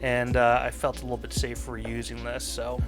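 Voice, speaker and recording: A man's voice: medium pitch, normal speed, music in the background. A man talking casually through his car restoration work in a home garage, with many ums and uhs. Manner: relaxed, lots of ums and uhs. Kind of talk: casual workshop commentary.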